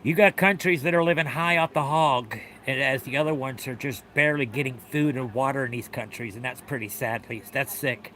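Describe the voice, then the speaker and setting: A man's voice: medium pitch, fairly quick, hardly any pauses, sharp tone, slight background noise. A middle-aged man talking earnestly to his livestream viewers, repeating himself, swearing often, and sounding close to tears. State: tearful. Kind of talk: emotional livestream talk.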